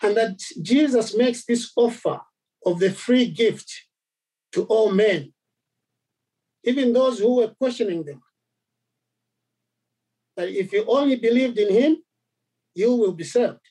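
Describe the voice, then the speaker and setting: A man from Zambia preaching a sermon, halting, with many repeated words and fillers. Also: high-pitched, warm tone, husky, low-quality recording.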